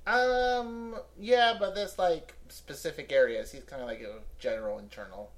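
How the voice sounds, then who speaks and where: A man's voice: a little high, fairly even intonation, normal speed. Man chatting casually as an interview guest. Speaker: interview guest, improv comedian. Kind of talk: casual chat, personal anecdotes.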